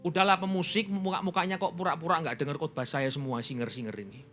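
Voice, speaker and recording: A man preaching a sermon as pastor in a church. He swings between loud and quiet and fires rhetorical questions at the congregation. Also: a little high, steady tone, quick pace, faint music behind.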